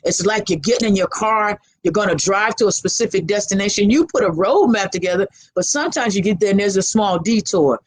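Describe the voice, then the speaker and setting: A woman's voice: mid-range voice, a little fast, hardly any pauses, slight background noise, rough recording. A woman guest giving motivational life advice in a conversational way, repeating phrases for emphasis.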